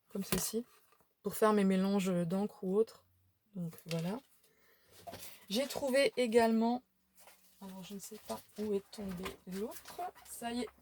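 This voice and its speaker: Tired woman vlogger, warm mellow tone, chatty with fillers, faint background noise. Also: mid-range voice. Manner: chatty, many fillers and restarts, laughs at herself. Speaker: craft vlogger showing a shopping haul. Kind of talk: casual haul vlog. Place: home room by a window.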